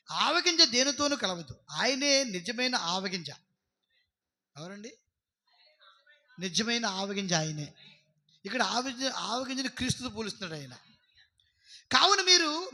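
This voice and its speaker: A man with a Telugu accent preaching a church sermon as pastor. He asks the congregation questions and builds to loud, emphatic peaks. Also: extremely high pitch. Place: church service.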